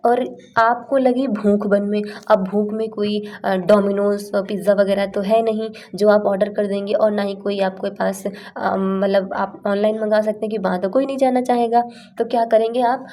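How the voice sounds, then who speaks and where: With a warm, mid-range voice, a young woman teaches exam facts in a casual, chatty way. She leans on playful memory tricks, explaining through rhymes and acted-out lines.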